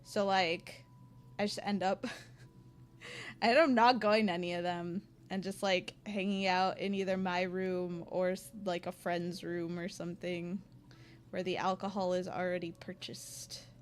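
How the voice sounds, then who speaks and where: A woman's voice: on the low side, little pitch movement, measured pace. A young woman streaming and chatting casually with her viewers, full of slang and filler words.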